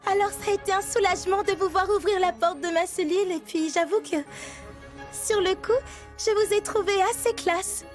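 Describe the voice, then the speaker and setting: A woman's voice: very high-pitched, steady tone, moderate pace, soft background music. A woman voicing a young girl on the run with the hero in an anime dub, whiny at times and teasing at others.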